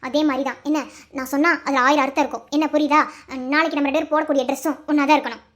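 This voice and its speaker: A woman doing a squeaky, bossy cartoon college girl. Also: steady tone, racing, natural voice. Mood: scolding. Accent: Madurai Tamil. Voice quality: very high, squeaky voice. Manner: scolding, possessive, nagging. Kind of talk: animated cartoon voice acting.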